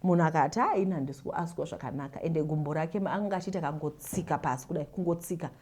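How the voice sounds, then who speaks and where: Her low voice races along, a little mellow with a breathy edge. A Zimbabwean-accented host, she tells listeners' confessions and gives advice casually, repeating words and acting out the stories as she retells them.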